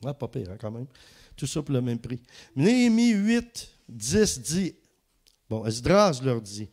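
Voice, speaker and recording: A male preacher and guest speaker with a Quebec French accent shares anecdotes in a sermon, his mid-range voice unhurried. His pitch rises and falls with lively energy, and he laughs at his own jokes.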